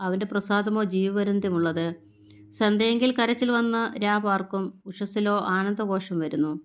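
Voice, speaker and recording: A woman reads scripture aloud, one psalm after another. Her pitch sits in an ordinary middle range, and she keeps an even, measured pace throughout. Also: smooth. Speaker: scripture reader. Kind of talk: steady Bible reading aloud.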